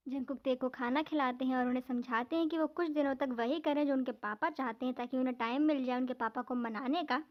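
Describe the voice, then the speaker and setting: A woman's voice: sits high, fast, few pauses. A woman narrating a fan dub story in a plain, explanatory way. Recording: dull lo-fi home recording.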